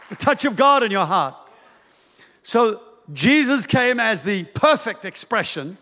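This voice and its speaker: A male pastor preaching a sermon, animated and humorous, acting out voices as he tells it. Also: high-pitched. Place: church hall. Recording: church hall reverb.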